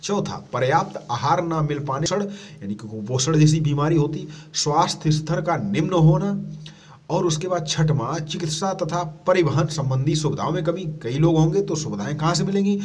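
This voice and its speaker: A man teaching an exam-prep lesson, reading each question and then giving the answer in a lower voice, explaining patiently. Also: expressive, moderate pace, distant mic.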